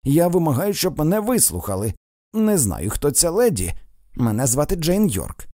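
Flustered old earl, plaintive and lively, read by a male narrator. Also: fairly high pitch, normal speed, dry recording, studio quality, pitched above the performer's own voice. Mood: indignant. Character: elderly mild-mannered earl, flustered.

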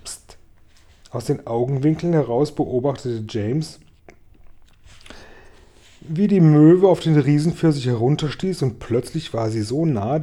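A man reading a children's book aloud with lively storytelling. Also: mid-range voice. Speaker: audiobook reader.

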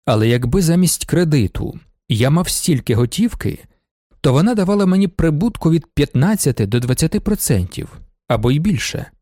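A composed merchant lays out a business proposal in a measured, persuasive voice, lower and steadier than the nobles around him, as a male reader voices him. The sound is dry and close. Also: very animated, mellow, dry recording. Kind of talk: audiobook character voice.

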